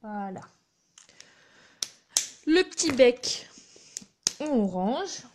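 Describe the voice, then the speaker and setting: A woman's voice: fairly high pitch, very animated, extremely slow, a little mellow, slight background noise. A woman, chatting casually while she demonstrates a craft project on a live stream. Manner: chatty, narrates her hands-on work with little asides. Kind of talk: live craft tutorial chat.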